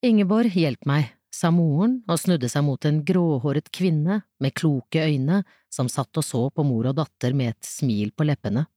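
A narrator reading a storybook aloud in a measured, expressive way. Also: mid-range voice, no echo, clean studio sound.

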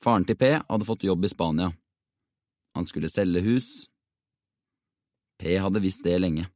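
A man narrating a children's novel in a steady, expressive audiobook reading. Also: deep voice, no echo, studio quality.

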